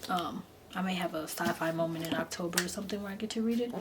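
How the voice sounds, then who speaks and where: A woman's voice: on the low side, quick pace. A woman giving a chatty, gushing book review in an informal, enthusiastic way, stressing words by repeating them. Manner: informal, enthusiastic, emphatic repetition. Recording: noticeable background noise.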